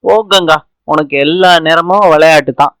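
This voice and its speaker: A shy, affectionate young husband who talks gently and pleads, read out by a man. His voice is on the higher side and dry, with no echo. The tone stays soft and coaxing. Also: normal speed, clear, resonant tone, close to an everyday voice. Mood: pleading. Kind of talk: serial recap narration.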